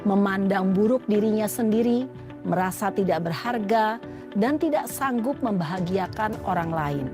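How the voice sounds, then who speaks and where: A woman gives scripted voice-over narration for a teacher-training video, laying out points in a clear, measured way. Her pitch is mid-range, and music plays clearly underneath her. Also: expressive. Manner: clear, measured, list-like explanation. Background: background music.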